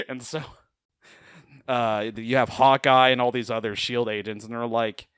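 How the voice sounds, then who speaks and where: A man co-hosting a podcast, casually retelling comic book stories in an animated way, acting out the characters' lines and laughing often. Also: medium pitch, a little slow, clean tone, no room sound, clean studio sound. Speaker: podcast co-host.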